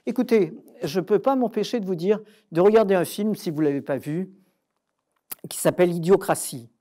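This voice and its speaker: A woman's voice: fairly low pitch, normal speed, mellow. An older Frenchwoman answering audience questions at a talk, emphatic and direct, with many hesitations. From France.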